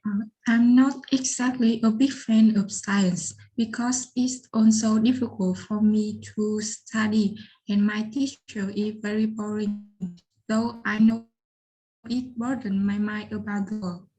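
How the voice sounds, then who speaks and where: Vietnamese woman student: slow, flat, mellow delivery. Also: mid-range voice, poor audio. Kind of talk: answering speaking practice questions.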